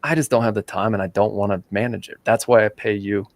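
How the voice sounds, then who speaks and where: A man's voice: fairly low pitch, steady tone, quick pace, dry recording. A man hosting a podcast, asking his guest curious questions in a casual way. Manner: curious, asks questions thinking aloud. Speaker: podcast host.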